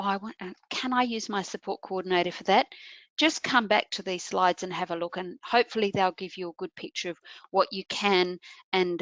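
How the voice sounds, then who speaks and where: A woman's voice: medium pitch, fairly bright tone, dry recording. A woman presenting an informational webinar, explaining things step by step and speaking directly to her listeners. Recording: muffled online webinar audio.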